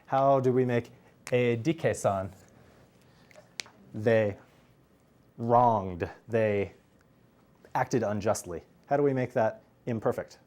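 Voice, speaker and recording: A man's voice: medium pitch, slow pace, pauses often, a little mellow. A man teaching a Greek grammar class, drilling students and joking with them. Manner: drills students, jokes and laughs. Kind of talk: classroom lesson.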